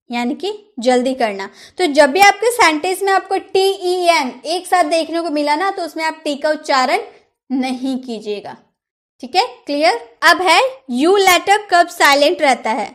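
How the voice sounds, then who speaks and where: Woman teacher, high voice, drilling pronunciation with rhetorical questions. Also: fairly bright tone. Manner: drills words, asks the viewer rhetorical questions. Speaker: English teacher. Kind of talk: pronunciation lesson.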